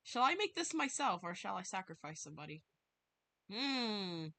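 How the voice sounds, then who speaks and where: Speaking at a moderate pace in a medium-pitched, sing-song, sharp voice with no room sound, a woman plays a visual novel on stream. Her commentary is casual, rambling, and dramatic, she's easily frightened, and she reads parts of the story aloud at times.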